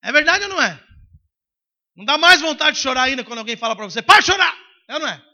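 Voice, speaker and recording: A male pastor delivering a sermon with a very high, sharp, bright voice. He preaches emphatically and sometimes bursts into shouting. The recording sounds dull and lo-fi. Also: expressive, rapid-fire.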